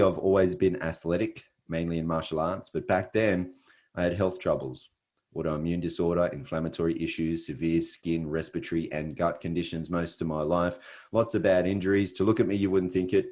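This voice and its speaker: A middle-aged Australian man with a low, darkish voice hosts an online motivational presentation. He speaks earnestly and repetitively, leaning on frequent fillers.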